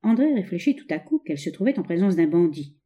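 A woman narrating a novel as an audiobook, with expressive, dramatic storytelling. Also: lowish voice, quick pace, highs cut off.

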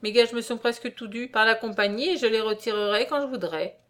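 A woman's voice: fairly high pitch, fairly quick, a bit bright, close to an everyday voice. A woman reading aloud, voicing a polite, earnest young man come home from far away. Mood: respectful.

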